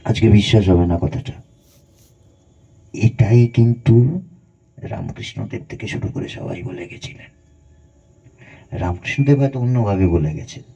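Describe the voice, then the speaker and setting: A man's voice: fairly low pitch, a little slow, gravelly, long pauses, warm tone, slightly rough. A man, a spiritual guru, giving a conversational devotional satsang talk and guiding the listeners through breathing meditation, on a dull lo-fi recording.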